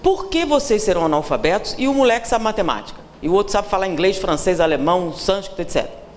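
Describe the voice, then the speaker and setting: A woman's voice: medium pitch, lively intonation, fast talker. A Brazilian woman with a Brazilian Portuguese accent, giving a seminar lecture, teasing the audience with questions and acting out the people she quotes. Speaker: seminar speaker. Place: lecture hall. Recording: reverberant hall, faint room noise.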